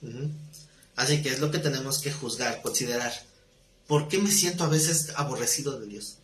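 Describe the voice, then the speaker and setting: A man's voice: medium pitch, moderate pace, a little hiss or hum. A man preaching a live sermon, speaking conversationally with rhetorical questions and light jokes. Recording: roomy live-stream audio.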